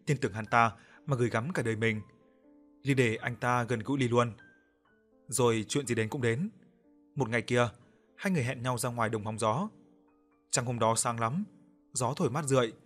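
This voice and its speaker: A man narrating a dramatic audio story in a measured, emotive way. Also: mid-range voice, fairly bright tone.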